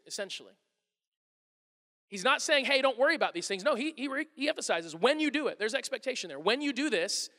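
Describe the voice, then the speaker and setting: A man preaching a sermon, reading scripture and then explaining it in an animated, joking, conversational way. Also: very high-pitched, big-room sound. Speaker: pastor.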